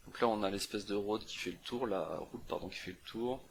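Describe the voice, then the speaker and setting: A man's voice: on the low side, fairly even intonation, brisk, a little hiss or hum. A young man casually talking through a map puzzle on screen, thinking aloud with many fillers and restarts. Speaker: CTF walkthrough presenter. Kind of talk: casual screen-recorded walkthrough.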